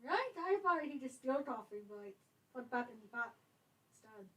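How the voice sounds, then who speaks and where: Woman co-host, high voice, giggly and mischievous, casual chat. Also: animated, normal speed, rough recording. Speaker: co-host of a writing livestream.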